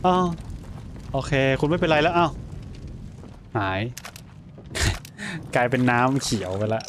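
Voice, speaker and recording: A man's voice: on the high side, expressive, moderate pace, a little hiss or hum. A man giving casual let's-play commentary, blunt and swearing freely, with sudden startled exclamations. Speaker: gaming streamer.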